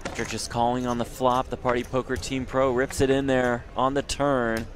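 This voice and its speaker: A man's voice: mid-range voice, little pitch movement, moderate pace. A man calling tournament poker play by play, reporting each bet and card as it comes.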